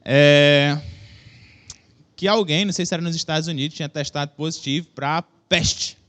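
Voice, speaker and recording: A young man with a Brazilian accent giving a relaxed, joking sermon in a church hall, speaking into a microphone and asking the audience questions. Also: fairly high pitch. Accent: Brazilian Portuguese. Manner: chatty, joking, self-deprecating, addresses the audience with questions. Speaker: preacher. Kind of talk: casual conversational sermon. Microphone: microphone with a stage monitor.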